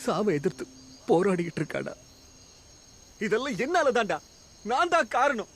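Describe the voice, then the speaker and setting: A man's voice: on the high side, expressive, fairly quick, slightly rough. An actor dubbing a distraught young man who pleads and confesses in a tearful, breaking voice. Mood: anguished. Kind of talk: dubbed film acting. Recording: film soundtrack with music.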